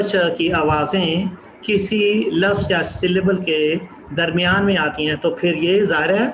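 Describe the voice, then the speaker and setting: A man from Pakistan teaching a pronunciation lesson, repeating each example word slowly and distinctly. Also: high voice, fairly bright tone, roomy sound, slight background noise, low-quality recording. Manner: slow, repeats example words carefully and distinctly. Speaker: English teacher.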